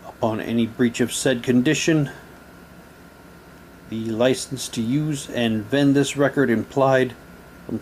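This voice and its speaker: Slight background noise accompanies this hobbyist as he casually unboxes audio drama sets, reading the printed materials out loud and going over the same points repeatedly. He has a medium-pitched, somewhat mellow voice.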